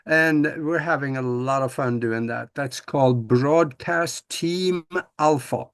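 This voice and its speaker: A man's voice: mid-range voice, slow, smooth, no echo. An older man from Norway, a guest in a casual interview, talking in a folksy, upbeat way with many restarts and "uh"s.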